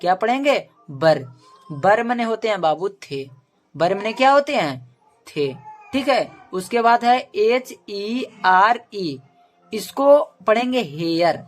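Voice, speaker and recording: A woman teacher works through a lesson at a very unhurried pace, at an ordinary pitch. She spells words out letter by letter and drills them with questions she answers herself. She ends almost every point with an "okay.". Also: animated, faint music behind. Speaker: English teacher. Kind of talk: spoken lesson to camera.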